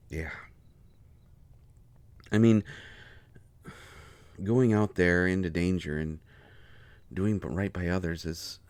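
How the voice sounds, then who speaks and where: A man with a low, darkish voice voices a devoted, anxious healer in an intimate roleplay audio drama. He addresses his partner earnestly, in a halting way. There is no echo.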